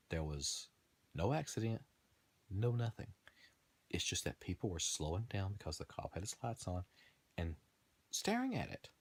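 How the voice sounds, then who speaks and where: A man's voice: deep voice, a little mellow, slightly rough. A man in his thirties talking in a rambling, casual monologue, trailing off, restarting and laughing at himself. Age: 30s. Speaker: gaming video host.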